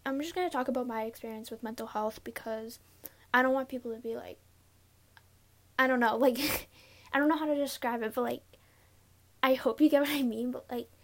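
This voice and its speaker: Young woman, higher-pitched, nervous and giggly, halting casual solo podcast delivery from inside a closet. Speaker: podcast host. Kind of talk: casual confessional solo talk. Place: inside a closet, sitting on a pillow.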